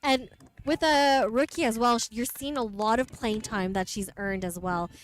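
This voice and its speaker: A woman calls the game from the sideline of an outdoor field, moving easily between English and French. Her voice sits high. A faint hiss of noise runs under it. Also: fairly even intonation, normal speed. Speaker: sports commentator. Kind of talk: bilingual play-by-play commentary. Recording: light wind noise.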